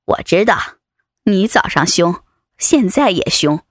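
A lecherous male vice president with a low, sliding voice and a mocking, teasing tone, as a woman puts him on. He sounds husky and breathy, and the sound is dry and close. It comes from an adult audio story. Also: expressive, takes it slowly, no room sound. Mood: leering. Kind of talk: erotic audio story reading.

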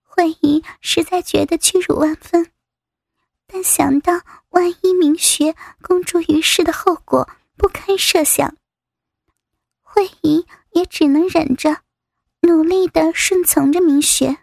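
A woman narrating a scripted audio story in a slow, even reading. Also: very high-pitched, creaky, no room sound. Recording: dry close recording.

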